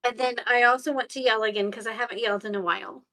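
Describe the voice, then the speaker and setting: A woman's voice: fairly high pitch, fairly even intonation, fast talker, pushed and bright. A woman playing in a tabletop game, hesitant and polite as she rolls. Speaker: player. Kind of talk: casual game play.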